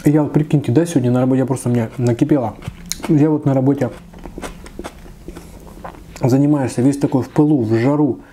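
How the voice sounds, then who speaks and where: Brisk but pausing often, a thirtysomething man speaks in a mellow, medium-pitched voice with fairly even intonation while eating. He hosts a laid-back mukbang from a table in a small room, talking with his mouth full. Slight background noise is audible.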